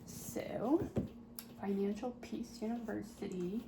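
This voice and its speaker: A woman doing a soft-spoken, ASMR role-play as a helpful, patient librarian, talking gently and politely as if serving patrons at the desk. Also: medium pitch, slow pace. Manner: gentle, polite customer-service talk with small murmured asides. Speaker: ASMR performer playing a librarian at a checkout desk. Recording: roomy echo, clear background noise.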